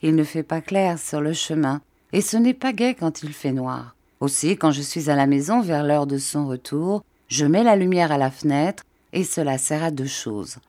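A woman's voice: deep voice, animated, moderate pace, hardly any pauses, mellow. A woman doing a hearty old fisherman. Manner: cordial, talkative, enthusiastic.

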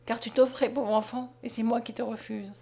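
A woman reads a gentle blind young man from a storybook, low-spoken and tender. The voice sits fairly high, yet stays hushed and mournful throughout. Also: level tone, normal speed, gravelly, slightly rough. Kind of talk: audiobook character reading.

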